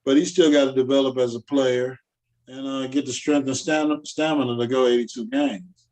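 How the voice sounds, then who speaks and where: A middle-aged man trading blunt basketball opinions in an easygoing tone, cursing freely. His pitch is ordinary and his delivery relaxed and conversational. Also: normal speed, low-quality recording. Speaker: co-host. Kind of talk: casual sports talk.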